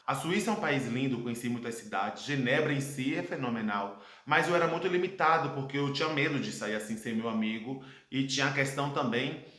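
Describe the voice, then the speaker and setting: A Brazilian man in his thirties shares a personal testimony from a room in his home, speaking earnestly and reflectively at a mid-range pitch with a slightly bright tone and a Brazilian Portuguese accent. He uses dramatic pauses, and the room echoes noticeably.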